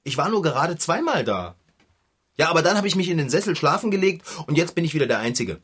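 A man's voice: a little high, big pitch swings, fast talker, a bit bright, husky, heavily acted. A man voicing a good-natured bicycle-shop owner in a children's audio drama, bickering and chatty in a childlike way.

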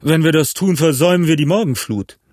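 A man voicing a hearty, sly ship's cook in an audiobook reading, boisterous and loud. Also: fairly high pitch, fairly quick, dry recording, clean studio sound, pitched above the performer's own voice, natural voice. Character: sly jovial one-legged ship's cook, older man.

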